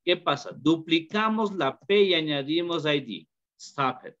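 Hombre profesor de inglés, habla lento. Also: male voice, a little high, animated, fairly bright tone. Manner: slow, repeats questions to students, mixes English into Spanish. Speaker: English teacher. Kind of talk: online class lesson. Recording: dull lo-fi call audio.

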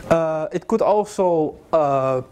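Taking it slowly, a young man with a slightly mellow, highish voice gives a casual security lecture from slides, joking and using lots of fillers and restarts. He's recorded from a far camera in a classroom with a projector screen, with slight background noise.

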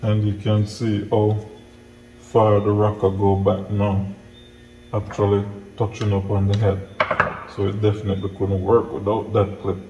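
In a lowish voice with a completely flat delivery, a middle-aged mechanic talks through a hands-on job step by step at a measured pace, plainly and practically. He's in a small, bare-walled indoor auto workshop, and the lo-fi recording carries echo and noticeable background noise.

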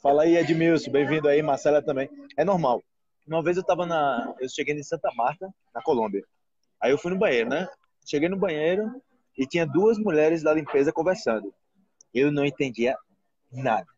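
A Brazilian man teaching Portuguese on a live stream from a restaurant, chatting in an animated way and acting out other people's voices. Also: fairly high pitch, fairly quick, highs cut off. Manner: animated, acts out quoted voices. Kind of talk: casual live chat.

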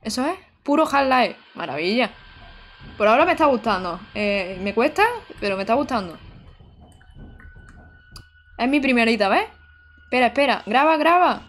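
Excitable high-voiced woman streamer. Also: moderate pace, pauses often, a little hiss or hum. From Almería, Andalusia, Spain. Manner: chatty and excitable, talks to chat, exclaims often. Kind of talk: live-streamed gameplay commentary.

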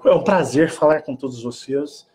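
Animated Brazilian man, higher voice. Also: moderate pace. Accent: Brazilian Portuguese. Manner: animated, joking, swings between mock-posh and earnest. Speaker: spiritual channel host. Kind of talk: casual spiritual monologue.

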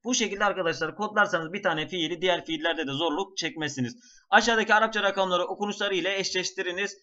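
This man's voice sits high and moves fast, with a sharp edge to it. Leading an exam-prep lesson, he explains each step, speaks directly to the class, and recites vocabulary lists in a lilting chant. The audio is dull and lo-fi.

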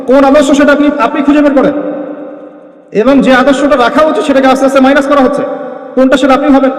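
High-voiced preacher man in an echoey hall. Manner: emphatic, rhetorical questions to the crowd. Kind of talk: Bengali Islamic sermon.

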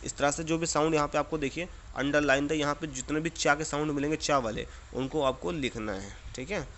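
A man teaches a school lesson, his voice sitting a little high for a man. He reads each sentence out slowly and repeats key words as he checks that the class follows. A faint hum runs behind him. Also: fairly bright tone. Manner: reads English sentences slowly, then explains them in Hindi. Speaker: English teacher. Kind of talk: classroom lesson explaining exercises.

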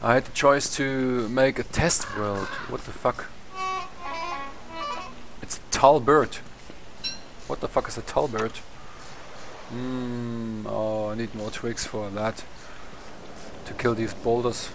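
A young German-accented man, not a native English speaker, rambles through casual let's play commentary, swearing and laughing at himself. He speaks slowly with a medium-pitched, fairly even voice and pauses often, while game music plays behind him.

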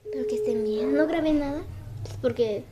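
A woman's voice: sits high, brisk. A young woman with a Mexican Spanish accent, shaken and trembling, retelling what just happened to her camera in a breathless, repetitive way. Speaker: vlogger. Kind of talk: shaken casual vlog to camera. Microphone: handheld camera mic. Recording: noisy home recording.

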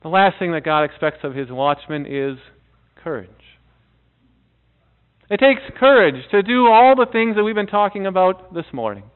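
A middle-aged male pastor preaching a sermon in a church, earnest, with dramatic pauses and soft drops. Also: high voice, sing-song, clear, resonant tone. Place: church sanctuary before a seated congregation. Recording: tinny phone-like audio.

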